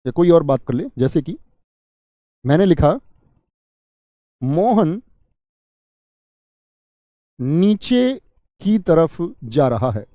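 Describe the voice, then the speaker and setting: A man's voice: a little high, warm tone, dry recording, studio quality. A man teaching Hindi grammar in an online class, asking students questions, answering them himself and repeating key words.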